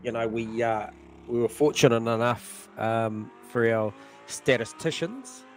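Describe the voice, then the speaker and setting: A man co-commentating a sim racing event in a relaxed, chatty way full of fillers. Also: mid-range voice, measured pace, slight background noise. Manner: relaxed, lots of fillers and mate. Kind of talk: casual commentary chat.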